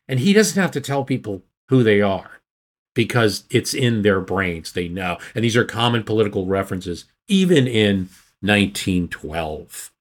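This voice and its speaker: A man explaining history in a casual, storytelling podcast manner, with occasional restarts. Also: fairly low pitch. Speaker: history podcast host or guest.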